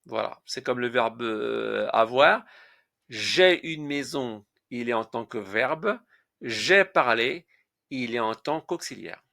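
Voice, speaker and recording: A man teaching a French conjugation lesson, slowly reciting verb forms and spelling out their endings letter by letter. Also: medium pitch, animated, gravelly, pushed and bright. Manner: slow, deliberate, spells out word endings letter by letter.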